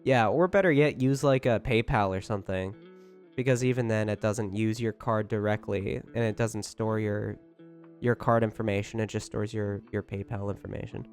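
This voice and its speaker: A man chats to his livestream audience in a rambling, informal way, swearing and never running out of things to say, as music plays behind him. His voice is fairly low and a little mellow, with fairly even intonation and a moderate pace.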